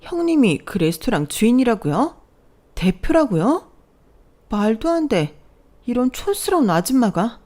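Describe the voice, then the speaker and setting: A woman voicing a spoiled, arrogant young sister-in-law with a shrill, high voice. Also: big pitch swings, normal speed. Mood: incredulous.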